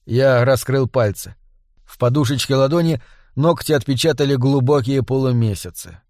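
A man narrating a first-person novel as an audiobook, in a measured, restrained manner. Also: medium pitch, darkish tone, no echo, clean studio sound.

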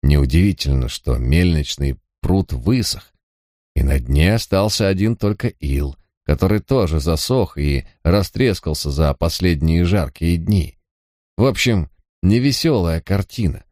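A rueful old countryman with a deep, low voice, as a male reader puts him on, rambling mournfully through a grim memory in an audiobook. The sound is dry and close, with no room around it. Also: a little mellow, no room sound. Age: over 60.

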